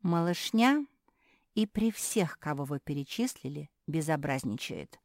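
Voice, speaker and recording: A woman's voice: sits low, animated, a little slow, no room sound, clean studio sound. Storybook: a glum, sighing pug sister, read by a woman. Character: gloomy sensible pug sister.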